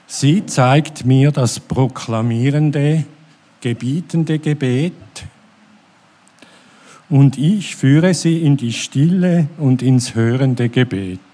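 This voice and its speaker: A middle-aged man giving a sermon at a church service, speaking in a calm, contemplative way. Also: medium pitch.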